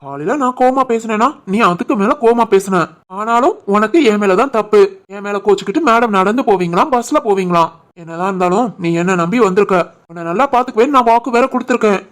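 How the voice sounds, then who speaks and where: A woman voicing a young husband and shopkeeper, teasing but caring, with a Tirunelveli Tamil accent in an animated family story. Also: medium pitch, fast talker, lightly acted. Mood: apologetic. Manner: teasing banter, turns soft and worried.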